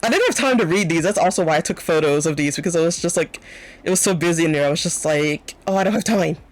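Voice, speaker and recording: A young woman streamer chatting casually and rambling, full of "like" fillers, her voice jumping up high when she gets excited. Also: fast talker. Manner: rambling, heavy use of "like" as filler. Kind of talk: casual chat.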